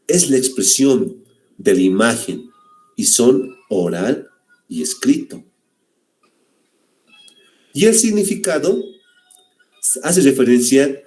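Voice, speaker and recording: Teaching his language students, this man from Bolivia speaks in a warm, mid-range voice. He keeps repeating "muy bien" as a check-in and calls the class "señores" when he speaks to them directly.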